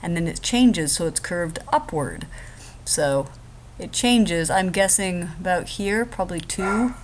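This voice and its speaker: A woman's voice: on the low side, a little slow, slight background noise. A woman math instructor giving a casual, chatty screen-recorded lecture, explaining step by step with joking asides.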